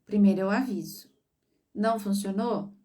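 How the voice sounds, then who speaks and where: A woman's voice: mid-range voice, normal speed, recorded from a distance. A woman psychologist talking on a live stream, giving parents advice and checking that listeners follow. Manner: warm coaching, checks in with listeners.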